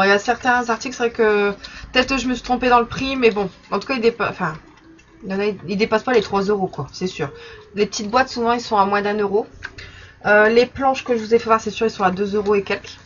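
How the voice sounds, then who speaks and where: A woman's voice: mid-range voice, brisk. Chatty young woman showing stickers. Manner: chatty, many fillers, soft laughs. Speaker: vlogger. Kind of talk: casual haul vlog. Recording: slightly dull recording with faint background noise.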